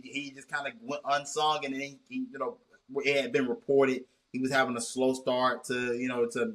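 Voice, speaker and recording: A man hosting a casual sports chat, talking in long rambling runs with many restarts and a measured, cautious tone. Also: medium pitch, fairly bright tone. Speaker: host.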